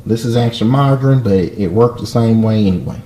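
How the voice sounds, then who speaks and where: A man's voice: fairly low pitch, quick pace, natural voice. A man putting on a drawling Southern country cook. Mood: folksy. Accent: put-on Southern US drawl. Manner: folksy, deadpan joking. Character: folksy Southern country cook, male, jokey. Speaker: home cook. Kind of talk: joking cooking lesson. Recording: echoey room with faint noise.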